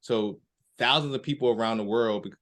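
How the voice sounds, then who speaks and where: A man's voice: mid-range voice, moderate pace, a bit bright. A man interviewer asking a long, hesitant question and answering with frequent mm-hmms. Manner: hesitant, rambling questions with back-channel mm-hmms.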